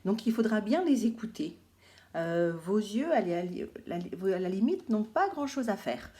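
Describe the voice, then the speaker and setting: Brief: female schoolteacher from France, patient and clear, says words slowly for young pupils. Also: medium pitch, very animated, mellow. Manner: slow, clear, repeats words syllable by syllable. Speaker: primary school teacher. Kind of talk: recorded remote phonics lesson for children.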